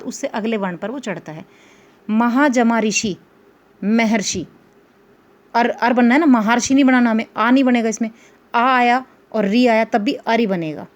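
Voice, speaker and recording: Woman teacher explaining grammar slowly. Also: a little high. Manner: explains slowly and repeats rules, asks pupils checking questions; stretches out example words. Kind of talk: classroom grammar lesson.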